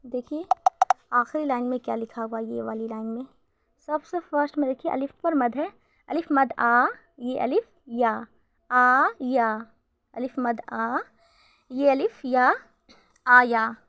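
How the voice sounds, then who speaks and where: A woman's voice: on the high side, slow, vocal fry, long pauses, pushed and bright. A woman teaching a beginner Urdu reading lesson, patiently spelling out letters syllable by syllable.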